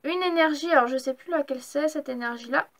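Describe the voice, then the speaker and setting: Bright high-voiced woman opening card packs. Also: fast talker. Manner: enthusiastic, gushing, exclaims over each card. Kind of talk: casual unboxing vlog.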